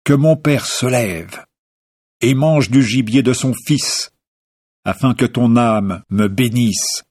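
A man's voice: mid-range voice, takes it slowly, darkish tone, slightly rough, dry recording, clean studio sound, voice pushed up. A man voicing an eager elder son back from the hunt.

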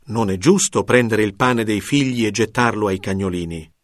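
A man reading the words of Jesus as a calm male teacher in a measured, solemn scripture reading. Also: fairly low pitch, dry recording, clean studio sound, lightly acted.

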